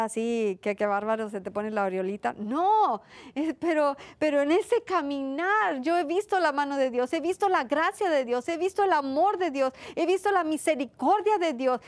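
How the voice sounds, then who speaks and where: A woman's voice: sits high, no echo. A woman preaching a sermon in an earnest, repetitive way, asking questions and answering them herself.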